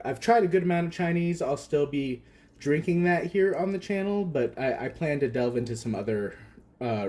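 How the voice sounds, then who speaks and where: A man's voice: medium pitch, darkish tone, a little hiss or hum. A young man hosting a tea channel, chatting casually and hesitantly with many fillers while he demonstrates.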